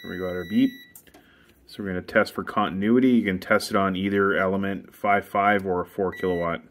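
Low-voiced man explaining hot tub repairs. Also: steady tone, fairly quick, fairly bright tone, a little hiss or hum. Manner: plain, practical step-by-step instructions. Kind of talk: casual how-to demonstration. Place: outdoors beside a hot tub equipment bay.

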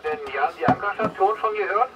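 A man's voice: high-pitched, fast talker. A man calling in over a CB radio link from another hilltop station, sending greetings with a few hesitant fillers. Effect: heard over a CB radio link.

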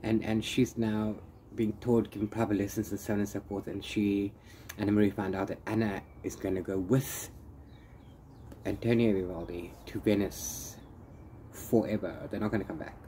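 A man with a lowish, dark voice speaks at normal speed in a level tone for a casual book review vlog, rambling and trailing off into repeated fillers. He's recorded outdoors under an open-sided corrugated-iron shelter, with clear background noise and open-air ambience.

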